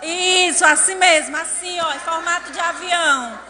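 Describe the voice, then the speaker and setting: A woman's voice: extremely high pitch, normal speed, over music. A woman giving a lecture to an audience in a council chamber, often asking the audience questions. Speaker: speaker at a public event. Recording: long hall reverb.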